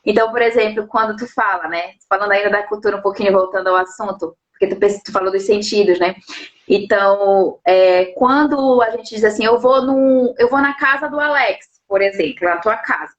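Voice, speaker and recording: A woman's voice: mid-range voice, steady tone, a little fast, dull audio. A woman interpreter and lawyer explaining things patiently at home, often checking in with little tag questions. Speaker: sign language interpreter and lawyer. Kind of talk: explanatory live interview talk.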